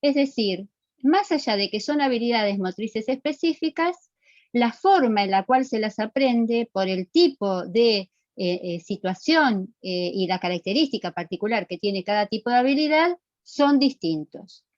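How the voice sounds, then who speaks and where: A woman's voice: a little high, expressive, measured pace, no room sound, dull audio. A woman teaching an online class, explaining step by step and quizzing her students. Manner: explanatory, asks the class questions and repeats answers.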